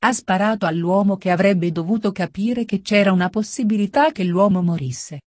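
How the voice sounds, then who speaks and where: A woman voicing a worried gentleman in a storybook reading, with a plain, questioning manner. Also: mid-range voice, normal speed, no room sound, clean studio sound, natural voice. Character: worried gentleman, adult man, the brother.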